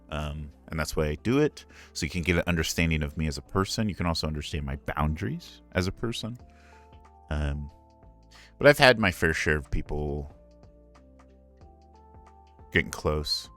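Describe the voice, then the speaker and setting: A man's voice: a bass voice, a bit bright. A man who streams and voices ASMR, talking candidly and earnestly in a casual live Q&A, rambling with frequent asides.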